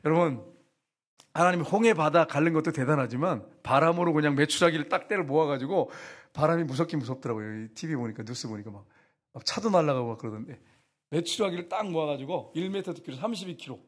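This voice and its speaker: Chatty Korean pastor preaching. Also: male voice, on the high side. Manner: lively, chatty preaching with asides to the congregation. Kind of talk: sermon.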